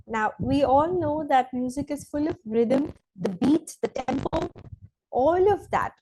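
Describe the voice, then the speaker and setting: Slow-speaking woman giving a lecture. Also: high-pitched, dark tone, low-quality recording. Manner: slow, deliberate teaching with fillers. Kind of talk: recorded online lecture.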